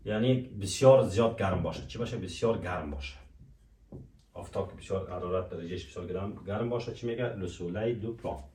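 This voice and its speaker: A man teaching French vocabulary, repeating each word slowly and asking and answering his own questions. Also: sits low, warm tone, slight background noise. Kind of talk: language lesson. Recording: echoey room, voice from a distance.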